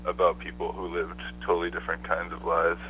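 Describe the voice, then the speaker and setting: A man talking over the phone as a songwriter guest, relaxed and loose, with many fillers. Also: low voice, a little fast. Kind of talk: casual phone interview. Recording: muffled phone line with faint hiss.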